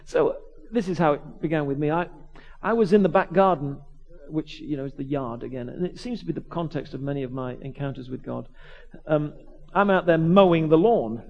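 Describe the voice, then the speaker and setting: A man, a vicar, preaching by telling a lively personal story, acting out the voices of the people in it and often restarting his words. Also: on the high side, lo-fi sound. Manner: animated, acts out voices, quick restarts. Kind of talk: storytelling sermon.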